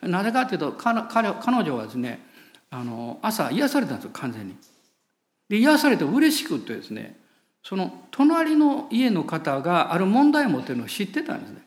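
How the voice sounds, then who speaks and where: Lively pastor with Kansai accent. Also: male voice, sits high, fairly quick. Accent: Kansai Japanese. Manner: animated storyteller, laughs at himself. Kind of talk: sermon with storytelling.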